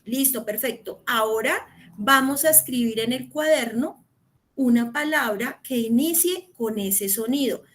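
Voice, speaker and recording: Speaking directly to teachers, a woman from Colombia delivers a sincere training talk in her Colombian accent. Her pitch is fairly high.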